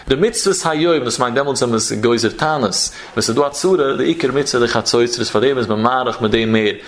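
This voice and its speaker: A man's voice: medium pitch, fairly bright tone. A man giving a traditional Talmudic lecture as a Torah teacher. He reads Hebrew passages in a sing-song study chant and explains them.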